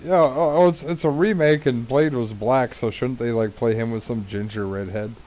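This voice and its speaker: A man's voice: mid-range voice, moderate pace, darkish tone, poor audio. A man streaming a game, chatting casually in a crude, joking, rambling way. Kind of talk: casual chat while gaming.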